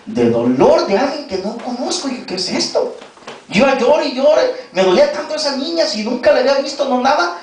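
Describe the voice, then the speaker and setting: A pastor with a Mexican Spanish accent preaches a sermon in a church hall, telling a personal story and sharply shifting his voice for emphasis. He talks fast in a very high voice with big pitch swings, picked up by a distant mic in a very echoey hall with a little hiss or hum.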